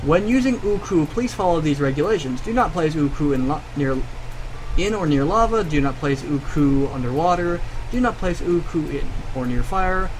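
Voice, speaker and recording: A man with a slightly high voice gives casual gameplay commentary. He talks as the host, reading game text aloud as he goes. A fan hums faintly behind him. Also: normal speed, low-quality recording. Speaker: gaming video host. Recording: steady loud fan hum behind the voice. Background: fan noise.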